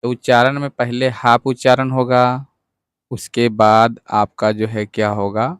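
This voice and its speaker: A man's voice: mid-range voice, completely flat delivery, unhurried, clean tone, dry recording, studio quality. A male teacher giving a patient lesson at a board, going over each point again and checking that the class follows. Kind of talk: whiteboard lesson.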